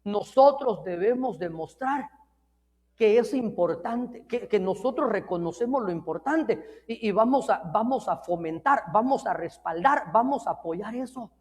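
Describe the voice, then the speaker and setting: Preaching informally and a little slowly, a man from Mexico who serves as a pastor speaks in a high voice with lively intonation. He's earnest, repetitive and fond of addressing people as brother, slipping in jokes along the way. The sound echoes with the long reverb of a big hall.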